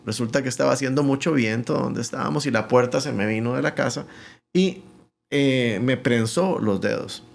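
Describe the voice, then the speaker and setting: A man's voice: medium pitch, moderate pace, vocal fry. A middle-aged male pastor, a guest on a podcast, telling his life story and acting out the voices of the people in it. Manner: animated storyteller who acts out the voices in his anecdotes. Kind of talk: telling a personal testimony.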